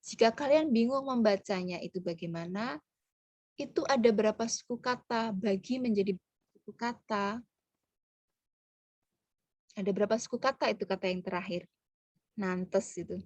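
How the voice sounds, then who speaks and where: A woman's voice: medium pitch, normal speed, pauses often, a little mellow, no echo. A woman teaching French pronunciation in an online lesson, patiently breaking words into syllables.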